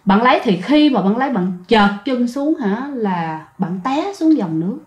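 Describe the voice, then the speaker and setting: A woman's voice: on the high side, lively intonation, moderate pace, a little mellow. A woman telling a ghost story, chatting directly to her listeners. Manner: conversational, addresses listeners directly. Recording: roomy echoey recording.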